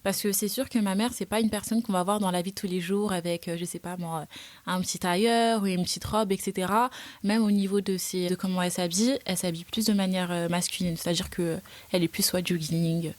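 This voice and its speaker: Young French woman, relaxed podcast guest. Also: on the low side, brisk, dry recording. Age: 20s. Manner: relaxed, colloquial, self-deprecating. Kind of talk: casual interview chat.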